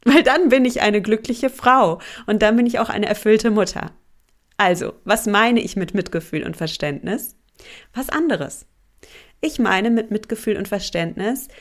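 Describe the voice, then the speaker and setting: A woman in her thirties hosting a self-help podcast as a coach, chatty and emotional, laughing often. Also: fairly high pitch.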